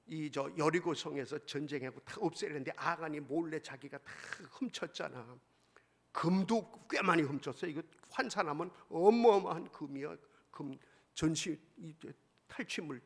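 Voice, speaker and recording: A male pastor preaching a sermon emphatically, swinging between loud exclamations and hushed asides. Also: on the high side, measured pace.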